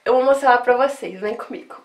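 A young woman talking straight to her viewers in a casual phone vlog, soft and sad. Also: a little high, fast. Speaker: vlogger.

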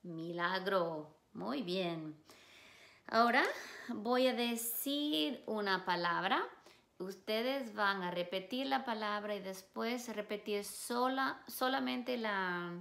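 Slow, gravelly-voiced woman teacher. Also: mid-range voice, a bit bright. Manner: slow, clearly enunciated word-by-word drilling. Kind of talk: phonemic awareness drill for children.

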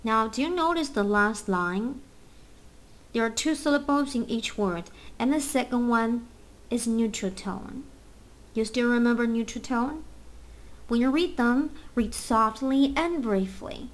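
A woman teaching a Mandarin lesson, explaining tones patiently and leading repeat-after-me drills with clear enunciation. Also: a little high, unhurried.

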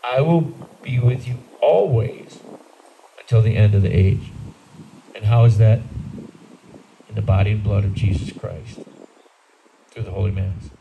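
Gravelly-voiced priest in his sixties preaching outdoors. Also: on the low side, a little slow, pauses often, phone-quality sound, noisy background. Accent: Upper Midwest American. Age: 60s. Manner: conversational, plain-spoken preaching. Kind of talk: outdoor homily. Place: outdoors on a garden patio under a canopy. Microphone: far camera.

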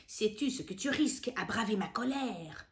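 A woman's voice: mid-range voice, lively intonation, normal speed, close to an everyday voice. A woman voicing a feared, menacing female witch in a storybook reading, with a growling delivery.

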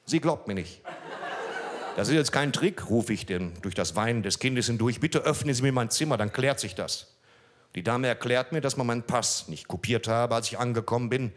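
A middle-aged man doing deadpan stand-up, telling a story read from a page into a handheld mic on a small club stage, breaking off now and then to talk to the audience. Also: medium pitch, normal speed. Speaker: comedian.

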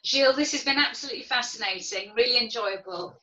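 A woman hosts an interview, speaking in an encouraging, conversational way. Her voice is bright and fairly high. She sounds distant in an echoey room, on a lo-fi line. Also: quick pace. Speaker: host. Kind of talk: interview chat.

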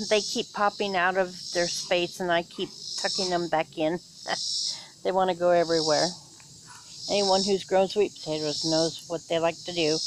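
Slow-talking woman touring her backyard garden. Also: medium pitch, slight background noise. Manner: unhurried, chatty, many fillers and pauses. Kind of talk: casual garden tour narration. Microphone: handheld camera, filming as she walks. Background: faint insects and outdoor ambience.

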